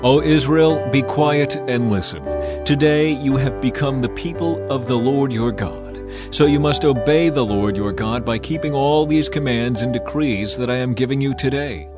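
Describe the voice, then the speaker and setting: In dramatized scripture, a man voices a solemn, commanding prophet addressing his people. His natural, mid-pitched voice is stern, declamatory and deliberate, with music clearly audible behind it.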